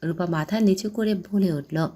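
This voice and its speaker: A woman narrating a romantic audio story with steady, scripted delivery. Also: lowish voice, unhurried.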